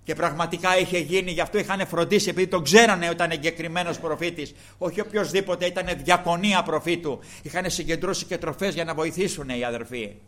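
An older man preaches with fervor in a slightly high, fairly bright voice, repeatedly bursting into praise refrains. He addresses his congregation directly, slowing into emphatic stretches.

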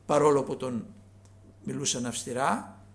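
A man preaching a sermon in a dramatic way, swinging from loud calls to hushed asides. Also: medium pitch, vocal fry.

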